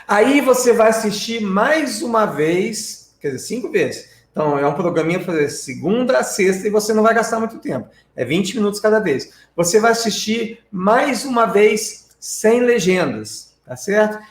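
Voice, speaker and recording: Speaking at a moderate pace with few pauses, a man with a high, expressive voice and a Brazilian Portuguese accent teaches English in a live stream. He explains step by step and keeps asking his viewers tag questions, all in a reverberant space.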